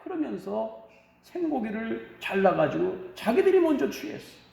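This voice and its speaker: A man pastor preaching a sermon, telling stories earnestly with dramatic pauses, heard in an echoey room. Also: very high-pitched, sing-song, creaky, darkish tone.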